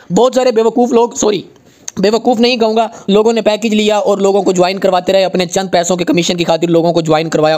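A man giving casual screen-share commentary on an earning app, emphatic and warning, reading English text out slowly. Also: high voice, darkish tone. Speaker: YouTuber reviewing an earning app.

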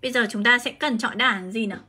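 A woman's voice: fairly high pitch, fast, pushed and bright, husky. A woman English teacher from Vietnam, giving a chatty live-streamed exam prep lesson and explaining each answer step by step.

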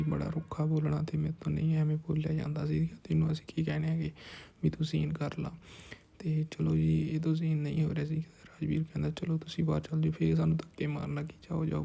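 A man's voice: fairly high pitch, creaky, dark tone, a little hiss or hum. A man narrating a behind-the-scenes shoot in casual, rambling chat, often dropping to whispered asides. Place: village house on a film shoot.

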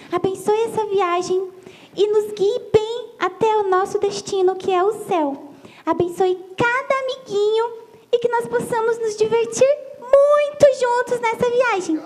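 A woman's voice: very high-pitched, unhurried, darkish tone, poor audio. A woman voicing Lívia, a cheerful little girl who sweetly talks to the children in a church kids' show. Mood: prayerful. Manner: sweet, chirpy, calls kids amiguinhos.

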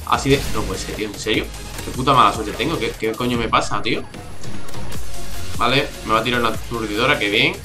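A young Spanish man from Spain talks over his shooter gameplay, grumbling and swearing at campers. He keeps his voice low and restrained. Game music plays clearly behind him. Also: fairly quick. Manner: chatty, exasperated, swears often; keeps voice down, not shouting. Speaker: gaming YouTuber. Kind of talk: gameplay commentary. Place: home room, early morning.

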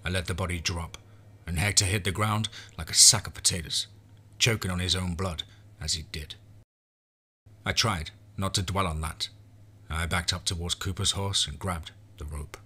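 A man's voice: low-pitched, fairly even intonation, normal speed, pushed and bright, slightly rough. A man narrating a scripted horror western in the first person, as a storyteller.

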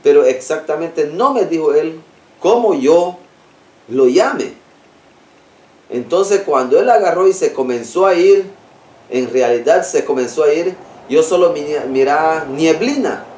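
A man recounts a personal story in a simple, repetitive way, stringing events together step by step. His voice sits a little high for a man. It sounds roomy and distant, as if he is some way from the mic. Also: lively intonation, a little slow, a little mellow. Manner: plain, repetitive telling, links events with "entonces". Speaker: interviewee recounting a personal experience. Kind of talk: conversational storytelling.

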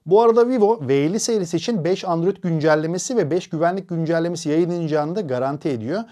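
A man's voice: on the high side, fast, dark tone. A man presenting a tech product review, explaining steadily with frequent hesitation fillers.

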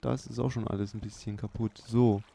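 A man hosting a let's play, giving unhurried, chatty running commentary with many fillers. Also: on the low side, steady tone, mellow. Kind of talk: casual gameplay commentary. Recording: clear background hiss.

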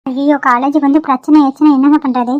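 An anxious young college woman, played by a woman speaks softly and apologetically in a high voice. The homemade cartoon audio is dry and close. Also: little pitch movement, fast, no echo, muffled recording, close to an everyday voice. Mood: worried. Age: young adult. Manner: soft, polite, apologetic. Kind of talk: amateur cartoon voice acting.

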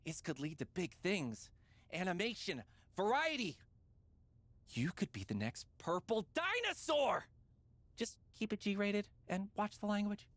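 A woman's voice: mid-range voice, a bit bright, dry recording, full character voice. A woman voicing Alfie, an upbeat, salesy showbiz agent in a wrestling video game. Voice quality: bubbly, salesy. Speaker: game character.

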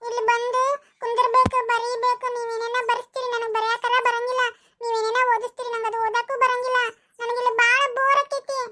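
A stubborn little cartoon schoolgirl, voiced by a woman, whines and pleads in a North Karnataka Kannada accent. Her voice is very high and bright, and she rattles along at a brisk pace. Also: little pitch movement. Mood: whiny. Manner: whiny, pleading, sing-song listing. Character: stubborn little schoolgirl who hates class. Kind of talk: cartoon voice acting.

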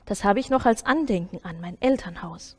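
A woman voicing a caring, gently firm grandmother in a children's story, breathy and coaxing. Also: mid-range voice, lively intonation, normal speed, in a large hall. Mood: explaining.

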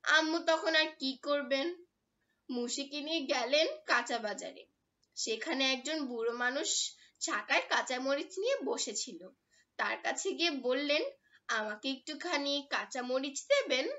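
A woman narrating a children's story in an expressive, animated way. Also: high-pitched, moderate pace, muffled recording.

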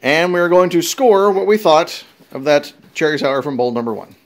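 Casual home-video host: woman with a lowish voice, repeating her announcements game-show style, filmed on a phone in a dining room. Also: lively intonation, normal speed. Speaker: host of a family taste test. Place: home dining room with family around a table. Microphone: handheld phone camera.

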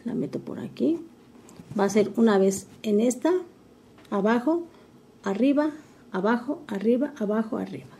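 An older woman talks through a craft tutorial. Her voice is soft and warm, never sharp. She narrates each stitch calmly and patiently, with a faint hum of the room behind her. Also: fairly high pitch, normal speed, pauses often. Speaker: embroidery teacher.

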